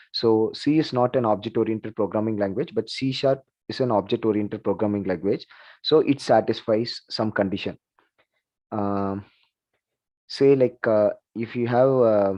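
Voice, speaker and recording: A man's voice: medium pitch, warm tone, muffled recording. A man teaching an online class, chatty, asking the students questions and saying "like" and "okay" often. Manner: conversational, repeats "like" and "okay", asks the class questions. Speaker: lecturer. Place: video call.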